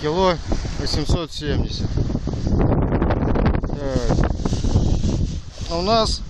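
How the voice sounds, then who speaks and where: A man's voice: a little high, animated, drawn-out words. A man casually commenting outdoors on a fishing outing in colloquial, earthy speech, with wind on the mic. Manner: colloquial, earthy, sprinkled with mild and coarse swearing. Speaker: amateur angler filming a fishing trip. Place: outdoors by open water in strong wind.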